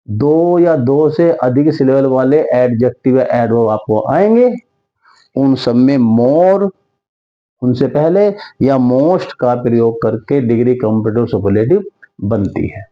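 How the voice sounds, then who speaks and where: A man's voice: medium pitch, animated, takes it slowly, muffled recording. A male teacher giving a grammar lesson, drawing words out and repeating examples to drill them. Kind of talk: Hindi-language grammar lesson.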